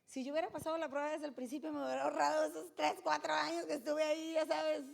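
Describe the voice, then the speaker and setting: This is a high-pitched, quick-paced middle-aged woman whose voice has vocal fry. She delivers an emphatic, spirited faith testimony as a guest speaker and keeps turning to her audience.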